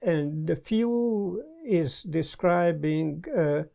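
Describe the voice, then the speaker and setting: Slow, gravelly older man with a Hungarian accent. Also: a little high, lively intonation, dark tone. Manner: thoughtful, halting, with many pauses and fillers. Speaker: guest. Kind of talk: casual conversation. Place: study lined with bookshelves, indoors. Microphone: lapel mic.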